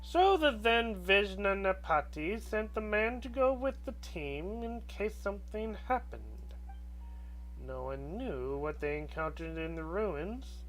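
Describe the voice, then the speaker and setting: A woman acts out a wise old crone from a video game. She speaks in an old hag manner, slow and halting, as an elder who knows more than she tells. Her pitch moves around a great deal. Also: slight background noise, rough recording. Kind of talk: video game dialogue read aloud.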